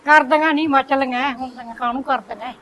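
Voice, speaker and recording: A woman's voice: high-pitched, steady tone, brisk, fairly bright tone. An actress playing a meddling village neighbour woman who spreads gossip, with a Punjabi accent and a sly way of talking. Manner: sly, stirring up trouble. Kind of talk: village comedy skit.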